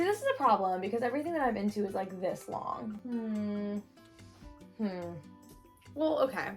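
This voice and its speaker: A young woman in her twenties talks through her reading plans in a relaxed, chatty vlog. Her voice sits a little high and stays upbeat, full of "like"s as she thinks aloud. Faint music plays softly under her. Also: husky. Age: 20s. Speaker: booktuber. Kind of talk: casual vlog chat.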